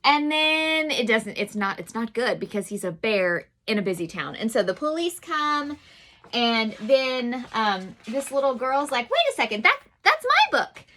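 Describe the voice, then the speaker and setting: A woman's voice: fairly high pitch, expressive, a little slow, a bit bright. A woman in her thirties chatting casually about children's books, gushing to viewers with lots of "um"s. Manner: chatty and gushing, addresses viewers as "you guys"; frequent "um" fillers. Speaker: vlog host reviewing children's books. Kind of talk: casual chat.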